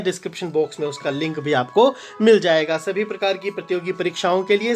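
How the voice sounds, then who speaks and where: A man teaching a grammar lesson, asking and answering his own questions and repeating the example sentences with emphasis. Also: sits high.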